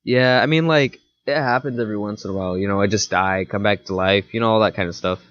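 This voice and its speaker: A young man co-hosting a casual podcast, laid-back and teasing in a deadpan way, sniffly from a cold. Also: lowish voice, fast talker. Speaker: podcast co-host. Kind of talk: casual chat. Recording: dry, dull lo-fi sound.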